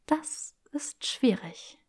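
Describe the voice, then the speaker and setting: A woman's voice: on the high side, expressive, moderate pace, vocal fry, a little mellow, pitched above the performer's own voice. A woman voicing a playful, bold young witch who teases and often whispers. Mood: teasing.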